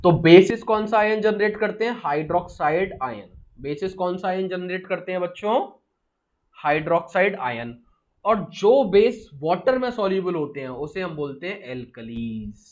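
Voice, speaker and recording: High-voiced man teaching chemistry, lo-fi. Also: lively intonation, normal speed. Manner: quizzes students, repeats key answers, mixes English terms. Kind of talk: live class lecture.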